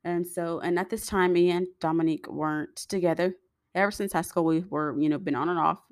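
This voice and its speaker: A woman's voice: fairly low pitch, steady tone, a little fast, no room sound, studio quality. A young woman, chatting straight to her viewers in a storytime vlog, full of fillers and asides. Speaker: vlogger.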